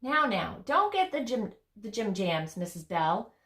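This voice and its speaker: A woman's voice: mid-range voice, sing-song, a little slow, a bit bright. A woman reading the part of a jolly male school principal who talks in chirpy, folksy rhyming sayings, in a room with an echo. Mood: chipper. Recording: roomy echo.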